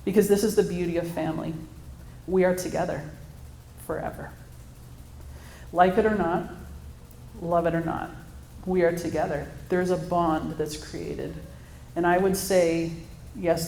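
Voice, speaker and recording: A woman's voice: lowish voice, a little mellow, a little hiss or hum. Earnest woman speaker in an echoey hall. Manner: earnest, storytelling, laughs now and then. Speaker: speaker at a mother-daughter church event. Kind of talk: personal faith talk to an audience. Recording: echoey room with faint ambience.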